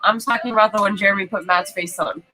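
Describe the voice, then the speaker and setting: A woman's voice: medium pitch, fairly even intonation, low-quality recording. A woman co-hosting a livestream in casual chat, wry and teasing with her replies. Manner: wry, teasing, quick to laugh. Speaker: livestream co-host.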